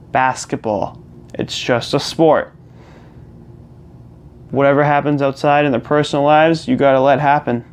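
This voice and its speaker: A man's voice: fairly high pitch, darkish tone, clear, resonant tone. Rambling young man ranting casually. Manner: rambling, restarts and repeats himself. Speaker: gaming channel host. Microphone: personal mic.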